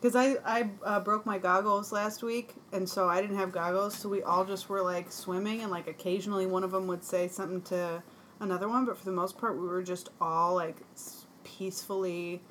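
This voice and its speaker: A woman in casual conversation, telling an animated story and acting out what others said. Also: medium pitch, brisk, a little hiss or hum, low-quality recording. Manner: animated storyteller, acts out quotes. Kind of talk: casual chat.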